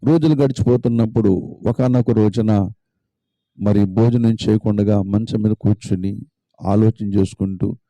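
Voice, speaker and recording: A man's voice: fairly low pitch, warm tone, no room sound. Casual: male pastor preaching, storytelling style, repeats himself for emphasis, dry close sound. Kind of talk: sermon storytelling.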